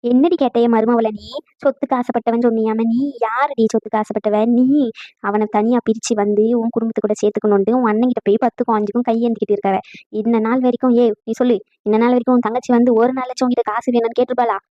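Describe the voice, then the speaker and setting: A woman voicing a sharp-tongued, combative old mother-in-law, scolding quickly. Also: a little high, level tone, dry recording, natural voice. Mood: furious. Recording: dull lo-fi dry audio.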